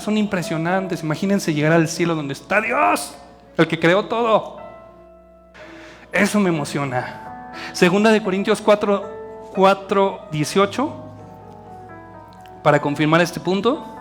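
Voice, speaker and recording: A middle-aged Mexican man preaches to a church youth group in a chatty, animated way, tossing in asides and questions to his listeners. His voice sits a little high for a man. Soft music plays faintly beneath him. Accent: Mexican Spanish. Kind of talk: sermon.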